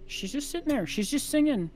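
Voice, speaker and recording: A man's voice: very high voice, expressive, a little fast, darkish tone. Middle-aged male gamer, casual and foul-mouthed co-op banter, close desk mic, faint game music. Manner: crude, profane joking. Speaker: gamer playing co-op horror game. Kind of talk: casual gaming chat. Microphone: desk microphone close by, headset worn.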